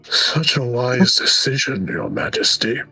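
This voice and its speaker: A man voicing a flattering male royal advisor, reading game dialogue aloud in a measured way. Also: medium pitch, gravelly, breathy edge, faint music behind, heavily acted, rough recording. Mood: admiring.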